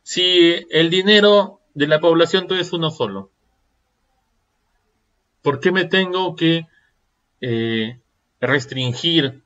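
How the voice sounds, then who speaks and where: A man's voice: on the high side, fairly bright tone, lo-fi sound. Man lecturing with rhetorical questions. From Peru. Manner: rhetorical questions, frequent checking "¿sí?". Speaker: seminar lecturer. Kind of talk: online seminar lecture.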